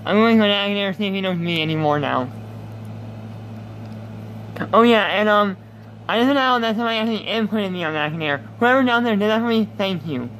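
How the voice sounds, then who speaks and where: A man's voice: high voice, fast, pauses often, a bit bright, a little hiss or hum, low-quality recording. A man in his twenties, a YouTuber, rambling as he reads game questions aloud and answers them offhandedly. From United States. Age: 20s. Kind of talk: casual gaming commentary.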